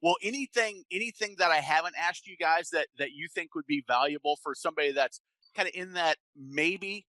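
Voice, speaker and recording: A man's voice: on the high side, a little fast, sharp tone, no echo. A man hosting a casual interview, asking long, rambling questions full of fillers and restarts. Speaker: interview host, boating coach.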